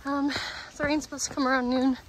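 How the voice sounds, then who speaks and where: High-voiced woman out hiking, chatting to her phone as she walks in the woods, laid back. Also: fast, slight background noise, low-quality recording. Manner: relaxed, chatty, thinking aloud while walking. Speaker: long-distance hiker vlogging. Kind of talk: casual spoken trail diary. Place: outdoors on a forest trail.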